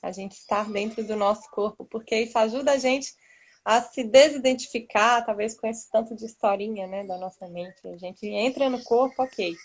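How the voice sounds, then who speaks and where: Over a live video call, a massage therapist talks casually and reflectively, often tagging "né?" and laughing softly. Her voice is a little high at a normal speed, and the recording is rough.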